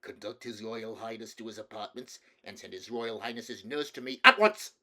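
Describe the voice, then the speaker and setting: A man voicing a stern, irritable middle-aged king in a storybook, brusque and condescending, given to booming commands. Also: expressive, moderate pace, a bit bright. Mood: cold command.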